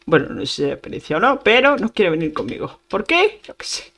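Playful woman gamer, lively pitch. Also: fairly quick, breathy edge. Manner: playful, bursts of exclamations and sound effects. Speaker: gaming youtuber. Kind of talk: casual gameplay commentary.

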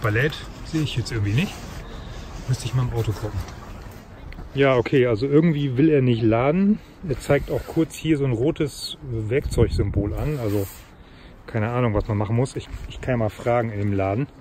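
A man in his forties with a mid-range voice talks casually at a moderate pace for his travel vlog, explaining things and thinking aloud as he moves between a car park and the inside of a car. He films on a phone camera held at arm's length, and loud outdoor noise fills the recording.

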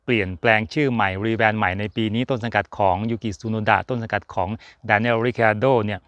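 A man's voice: on the low side, fairly even intonation, fairly quick, fairly bright tone, no echo. A man hosting a casual chatty motorsport talk, joking and rambling with fillers as he talks to his viewers. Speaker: F1 channel host. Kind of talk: casual chat to camera.

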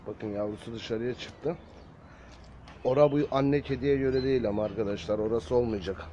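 A man talking casually to viewers in a garden, gently coaxing cats. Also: mid-range voice, normal speed, muffled recording, slight background noise. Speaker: vlogger caring for stray kittens. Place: outdoor garden.

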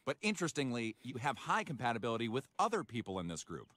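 A man voicing an awkward, earnest cartoon couples counselor in a measured, matter-of-fact way. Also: mid-range voice, big pitch swings, a bit bright, slight background noise.

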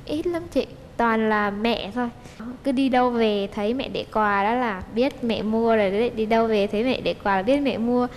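On a TV talk show, a young adult daughter-in-law guest tells stories casually, joining one event to the next with "xong" and acting out the people she quotes. Her voice is fairly high at normal speed. The audio has a big-room sound with slight background noise.

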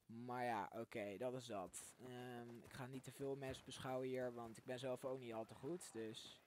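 A young man casually commenting on his own shooter gameplay, chatty and excitable, blurting out English exclamations when surprised. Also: mid-range voice, moderate pace, a little hiss or hum. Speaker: gaming channel host. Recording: game gunfire loud behind voice.

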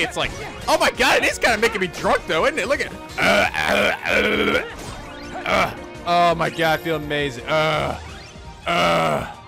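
A man giving comedic game commentary with a high, bright, gravelly voice that swings wildly in pitch. He jokes, swears freely and reacts in an animated way, with faint game music behind him. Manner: animated, joking, swearing, frequent laughter. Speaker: let's play host. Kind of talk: comedic let's play commentary.

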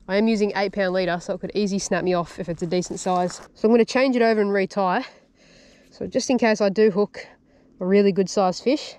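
An Australian man talks to camera while he fishes outdoors by a sand flat. He is chatty and upbeat in a casual way, and he walks through his knots, leader and tactics like a friendly guide. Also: high-pitched. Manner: upbeat and chatty, explains tackle and tips as he goes. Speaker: fishing vlogger. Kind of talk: casual to-camera fishing commentary.

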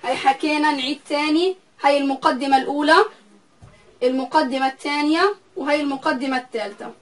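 A woman teaches a recorded math lecture. Her voice sits high, and she works through the material step by step, saying each value aloud more than once. The mic is some way off, so she sounds a little distant. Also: fairly even intonation, quick pace.

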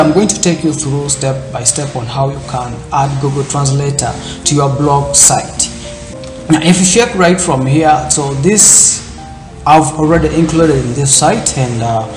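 A slightly high male voice echoes around the room as he leads a screen-recorded tech tutorial. The host sits indoors in a corner webcam view, covering the steps in loose, repetitive language sprinkled with fillers.

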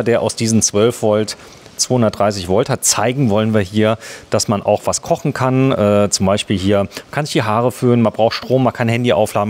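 A man's voice: medium pitch, a little mellow. A man hosting a casual on-site product demonstration, chatty and joking, with plenty of fillers. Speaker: host.

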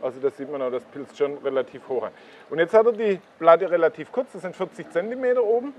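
Guy walking you round a pond, kinda high voice, bit of outdoor noise. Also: lively intonation, quick pace, narrow, tinny audio. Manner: explains while pointing things out to the viewer. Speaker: koi blog host. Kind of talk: casual on-site explanation.

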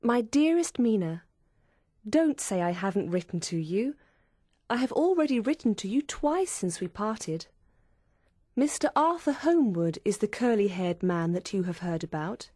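A woman's voice: medium pitch, lively intonation, a little slow, dark tone, no echo, clean studio sound. A woman voicing a young woman who reads out confiding, gushing letters to her friend.

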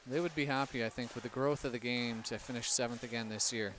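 A man adds color commentary to a lacrosse broadcast, relaxed and analytical with an easy joking tone. His pitch is ordinary and mid-range. Constant outdoor noise sits behind his voice. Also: fast. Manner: relaxed, analytical, jokes with partner. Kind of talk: live sports commentary. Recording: noisy outdoor ambience behind the mic.

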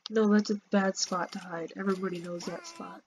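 A woman's voice: medium pitch, a little fast. A woman chatting casually as she plays and comments on a video game, talking to her viewers. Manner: chatty, excitable, talks to viewers. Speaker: gameplay commentator. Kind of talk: casual let's-play chat. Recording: dull lo-fi mic with faint hiss.

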